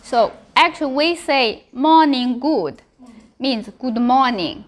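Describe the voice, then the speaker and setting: Female language teacher, Chinese accent, high voice, unhurried delivery, practicing tones with encouragement. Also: expressive. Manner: practicing tones, repeating single syllables and words slowly. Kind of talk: classroom language lesson, practicing tones and pronunciation.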